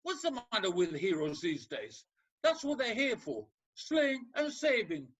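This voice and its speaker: In a comedic radio play, an actor voices an ancient Greek counsellor who is scornful, impatient and unsympathetic, mocking and exasperated in his sarcasm. The voice is medium-pitched and fairly bright, unhurried, with big swings in pitch.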